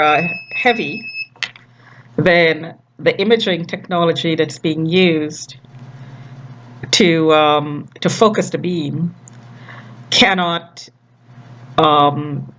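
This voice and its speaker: Casting: unscripted diarist, slow and hesitant delivery with frequent ums, noisy room recording. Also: mid-range voice, a bit bright. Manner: halting, with long pauses and frequent ums. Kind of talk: unscripted spoken video diary.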